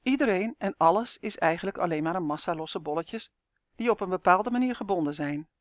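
A reader voicing Chance, a calm, wise woman who patiently explains souls, in an audiobook, recorded dry and close. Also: mid-range voice, brisk, no echo, lightly acted. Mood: explaining. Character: calm wise female soul-rescuer explaining. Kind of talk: audiobook character voice.

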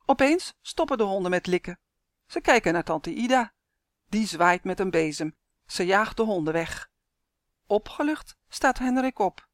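A woman reads a children's story aloud in a clear, expressive way. Her voice sits at a medium pitch and sounds close and dry, with no room echo. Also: a little slow.

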